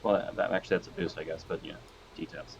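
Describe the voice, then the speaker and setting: A man's voice: deep voice, level tone, fast, slight background noise. A man co-commentating a card game match, analytical with dry jokes, heard over a weak, lo-fi connection. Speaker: co-caster. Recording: dull lo-fi sound from a weak connection.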